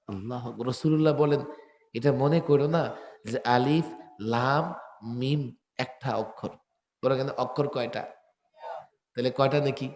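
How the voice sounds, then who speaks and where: A man, delivering an outdoor sermon beside a road through a PA microphone, questioning the crowd and bursting into shouts. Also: medium pitch. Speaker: preacher. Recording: echoey PA sound in a reverberant space.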